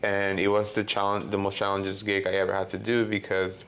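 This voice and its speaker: A man's voice: low voice, monotone, fairly quick, a bit bright, a little hiss or hum. A man in his thirties from Honduras, speaking as the guest in a casual interview and rambling with many "you know" and "like" fillers. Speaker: guest filmmaker.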